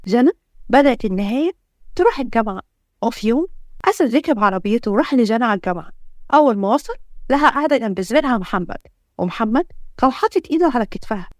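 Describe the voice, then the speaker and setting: A woman with an Egyptian accent narrating a dramatic story in a rapid, dramatic way. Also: a little high, animated, a little mellow, no echo, studio quality. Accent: Egyptian Arabic.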